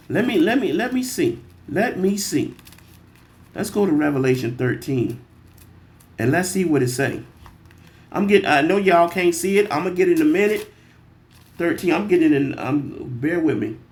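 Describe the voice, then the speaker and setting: This is a man with a fairly high voice, commenting in a heated, irritated way on a clip he is playing. He swears freely and talks directly to his audience. When he reads verses aloud, he slows right down. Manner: irritated, profane, talks straight to viewers; reads scripture slowly and deliberately. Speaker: reaction video host.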